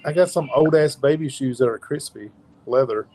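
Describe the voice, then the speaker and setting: A man's voice: medium pitch, normal speed, dark tone, slight background noise, rough recording. A man with a Southern drawl, chatting casually as co-host of a paranormal podcast. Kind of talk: casual chat.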